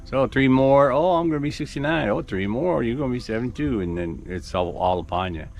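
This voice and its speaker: A man's voice: mid-range voice, animated, brisk, darkish tone, faint music behind. A man in his sixties casually thinking aloud as he plans a build on his farm, rambling with many restarts. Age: 60s. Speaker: farm vlogger. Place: outdoor construction site on a farm.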